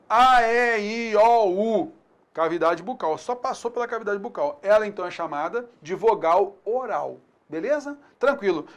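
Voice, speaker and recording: A high-pitched man with a Brazilian accent teaches a video lesson, sounding out syllables slowly. He's chatty and keeps checking in with the viewer.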